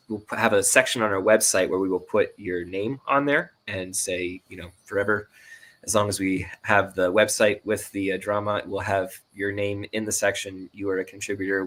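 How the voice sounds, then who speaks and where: This man, an audio drama producer appearing as a guest, casually explains crowdfunding rewards in a rambling, friendly, informal way. His voice sits on the low side with a slightly bright quality.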